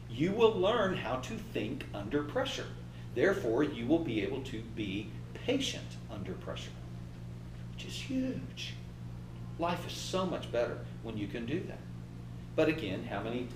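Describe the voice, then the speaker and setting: Brief: lively man in his fifties, trainer leading a workshop, echoey room, mic a bit distant. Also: medium pitch, background noise. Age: 50s. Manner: animated, acts out inner voices and laughs. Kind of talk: motivational workshop talk.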